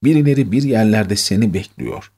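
A man puts on a tender-hearted older mother who urges her son on with warmth. The tone is low and slightly husky, and it rises and falls freely. It is a storybook reading. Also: lively intonation, fairly quick. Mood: motherly. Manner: warm, motherly, urging.

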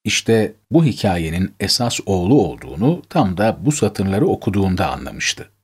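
A low, slightly husky male voice narrates a story in a measured, emotive reading. His pitch moves in wide, lively arcs. It sounds like a storybook reading.

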